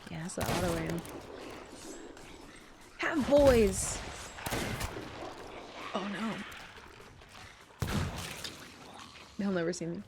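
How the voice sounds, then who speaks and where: A woman's voice: lowish voice, fairly even intonation, slow, long pauses. A woman streaming a game live, chatting casually and playfully, with sudden yelps and squeals and voice cracks when something startles her. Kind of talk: casual live gameplay commentary. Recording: noisy live stream audio.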